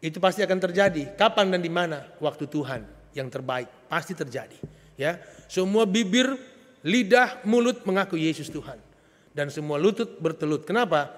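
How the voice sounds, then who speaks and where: A male pastor preaching a lively, joking sermon with an Indonesian accent, swelling into loud emphatic bursts. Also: fairly high pitch, normal speed. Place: church sanctuary. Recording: long church reverb.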